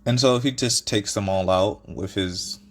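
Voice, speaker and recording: A man's voice: fairly low pitch, unhurried, fairly bright tone. A man casually improvising a fan story, rambling with many fillers and restarts and chuckling at his own ideas.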